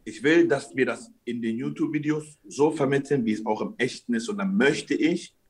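A man's voice: medium pitch, normal speed, husky. A young man, bantering casually with friends in crude, slangy street talk.

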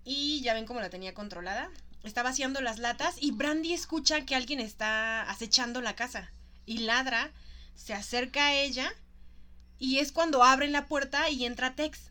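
A woman's voice: sits high, moderate pace, bright, forceful tone. A woman who recaps a film in casual chat, playful, laughing often and talking to her listeners.

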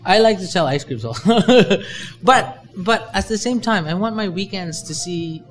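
Animated, rambling man chatting. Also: unhurried, faint music behind. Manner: animated, rambling, jumps in pitch when excited. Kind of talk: casual chat.

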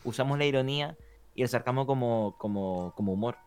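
A man's voice: mid-range voice, a little fast, a little mellow, clean tone. A man from co-hosting a casual podcast, sarcastic and teasing, stumbling and repeating words as he talks. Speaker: podcast co-host. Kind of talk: casual live-stream chat. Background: faint background music.

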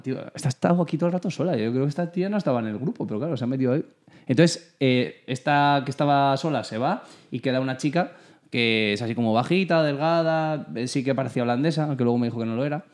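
A man from Spain telling an anecdote in a casual podcast chat, acting out the dialogue and laughing often. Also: medium pitch. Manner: animated storyteller, acts out dialogue, laughs often. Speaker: podcast host.

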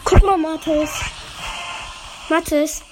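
A woman playing a video game with a friend, chatting casually and bursting into excited shouts. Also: high-pitched, takes it slowly, poor audio. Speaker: gamer. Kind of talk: excited gaming commentary. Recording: game music behind.

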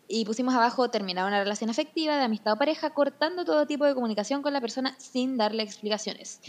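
A young woman with a Chilean Spanish accent co-hosting a casual podcast, explaining ideas and laughing often. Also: fairly high pitch. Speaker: podcast co-host.

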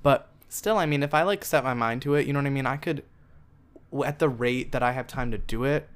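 Young male vlogger, rambling casual chatter, smooth clear voice. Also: mid-range voice, fairly quick. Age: young adult. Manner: chatty, rambling, lots of fillers like "like" and "you know what I mean". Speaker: musician vlogger. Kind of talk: casual storytime vlog.

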